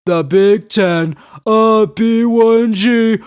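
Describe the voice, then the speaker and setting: A man putting on the voice of a smug, boastful male booster of a sports conference, bragging in a slow, pompous way. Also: sits high, clear, resonant tone, voice pushed up.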